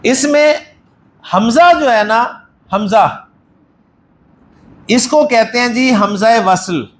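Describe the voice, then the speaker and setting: A man's voice: extremely high pitch, slow pace, echoey room, a little hiss or hum. A male teacher with a Pakistani Urdu accent giving a Quran Arabic lesson in a mosque class, patiently quizzing students and praising their answers.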